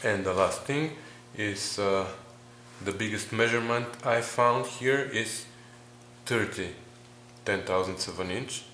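A man talking slowly through engine measurements in a workshop tutorial, pausing and filling gaps as he works out numbers. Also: fairly low pitch, bright, forceful tone, slight background noise. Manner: methodical, talking through numbers with pauses and fillers. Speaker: home mechanic explaining engine measurements. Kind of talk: step-by-step tutorial narration.

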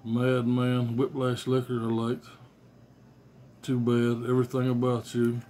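His mid-range voice is warm but completely flat, and he keeps a measured pace. This middle-aged vlogger bluntly and profanely rambles through his cassette collection in an offhand show-and-tell, filmed by phone at arm's length in a small bedroom, with a little hiss or hum audible.

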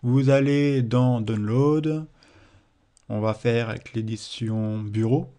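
In a screen-recorded tutorial, a French-accented male teacher explains a computing exercise in a mellow, medium-pitched voice, taking it slowly, with pauses of hesitation and self-corrections.

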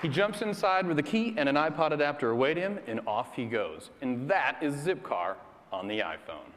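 Lively man narrating a stage demo. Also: on the high side, moderate pace, a faint crowd. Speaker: guest presenter. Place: large conference hall stage. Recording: large hall with audience murmur.

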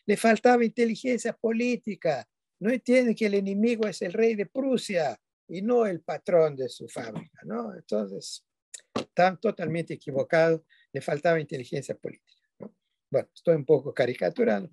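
This is an older man lecturing online over his webcam from a dim room at home; Spanish isn't his first language, and he digresses, self-corrects often and leans on tag questions. He speaks at a high pitch with vocal fry and a husky, darkish tone, recorded dry at studio quality.

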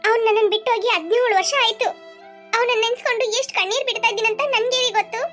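A woman's voice: very high-pitched, steady tone, a bit bright, faint music behind. A woman voicing a busy cartoon mother who scolds her kid to hurry for school. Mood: sorrowful. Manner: scolding, hurried. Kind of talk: cartoon voice acting.

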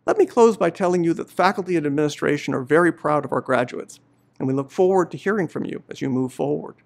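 Middle-aged man, gravelly, slightly high, measured formal speech, faculty greeting. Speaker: law professor giving faculty greetings. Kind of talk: formal commencement address. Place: indoor studio before a university banner.

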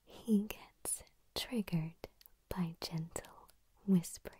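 Softly whispering young woman, slow soothing bedside voice. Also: on the low side. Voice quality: breathy, soft whisper. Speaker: ASMR host leading vocal warm-ups. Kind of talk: ASMR, whispered role-play as a vocal coach. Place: small room at home, indoors. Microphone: close to the mic, leaning in.

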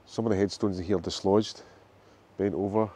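A man, a regular explorer vlogger, who narrates calmly and then talks in a low-key, matter-of-fact way while walking outdoors. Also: normal speed. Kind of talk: scripted narration and walking commentary. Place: outdoors, village and graveyard. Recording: music behind the voice.

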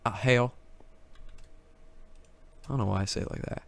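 A man's voice: medium pitch, fairly even intonation, racing, creaky, darkish tone, a little hiss or hum. A man casually commenting on his Minecraft game, talking to himself and the mobs, with frequent exclamations. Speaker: gaming YouTuber.

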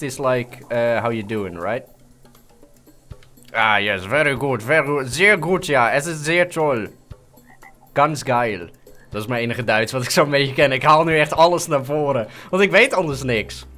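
Lively Dutch man gaming. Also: medium pitch, a little slow, soft background music. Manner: jokey, swears a lot, switches into English and mock German. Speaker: gaming streamer. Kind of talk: casual gameplay commentary.

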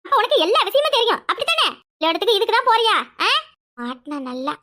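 A harried village mother who scolds nonstop in a bright, piercing voice, as a woman acts her out. She speaks with a Tirunelveli Tamil accent. She rattles through her words at a rapid clip. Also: extremely high pitch, big pitch swings, full character voice. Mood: berating. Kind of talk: cartoon voice acting.

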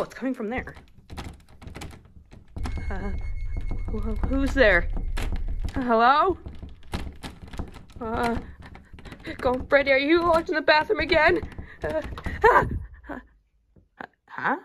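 A woman plays a jumpy male houseguest who is annoyed at his chores and stammers when he gets nervous. The voice is fairly high and lively, in a plush toy comedy video. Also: slight background noise.

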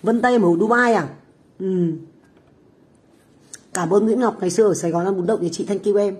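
A woman's voice: medium pitch, a little fast, a little mellow. A middle-aged woman, a livestream host who chats casually with viewers in a brash, foul-mouthed, taunting way. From Vietnam. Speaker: livestream host, food stall owner. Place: home kitchen, abroad.

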